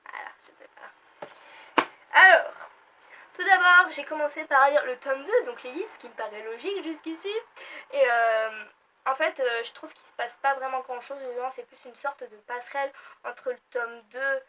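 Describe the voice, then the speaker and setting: A young woman with a French accent chats through her monthly reading in a casual book vlog. Her voice sits high and bright, and she talks in a loose, animated way, full of fillers and joking asides about herself. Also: normal speed, a little hiss or hum, low-quality recording. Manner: chatty, animated, self-mocking asides. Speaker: book vlogger.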